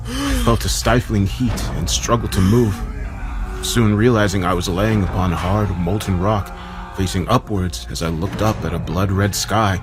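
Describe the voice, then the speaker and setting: A man narrating a first-person horror story in a measured, dramatic way. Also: lowish voice.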